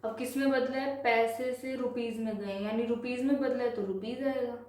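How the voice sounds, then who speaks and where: A woman teaching a basic math lesson, patient and repetitive, slowing down to spell out numbers one by one. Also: on the high side, steady tone, a little mellow. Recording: echoey room.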